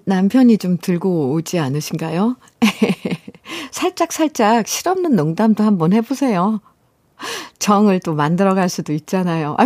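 A woman's voice: medium pitch, darkish tone, no room sound, clean studio sound. A middle-aged woman hosting a radio show, reading listener letters aloud with chatty, teasing asides and frequent laughter. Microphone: studio microphone.

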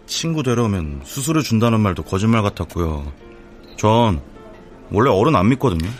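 An actor playing a guarded high-school boy who distrusts adults, curt and wary. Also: big pitch swings, a little fast, faint music behind. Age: teens. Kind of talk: TV drama acting.

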